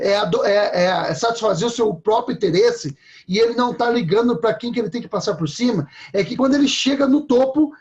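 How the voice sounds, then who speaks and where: A man's voice: very high voice, highs cut off. A man preaching a sermon in a conversational way, often checking in with his listeners.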